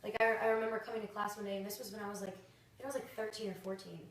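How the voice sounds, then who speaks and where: A woman's voice: mid-range voice, level tone, very fast, slight background noise. Earnest woman, echoey and far. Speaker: acting coach. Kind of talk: casual chat.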